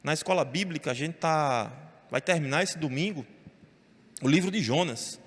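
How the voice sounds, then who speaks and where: Animated pastor in a reverberant church. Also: male voice, a little high, moderate pace. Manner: animated storytelling, voicing biblical characters. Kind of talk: sermon. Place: church sanctuary. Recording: long reverb of a church hall.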